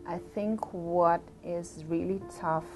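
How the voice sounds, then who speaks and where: A woman's voice: fairly low pitch, steady tone, slow, over music. Passionate woman police officer. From Aruba. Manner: passionate, conversational with frequent fillers. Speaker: police deputy commissioner. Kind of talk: interview.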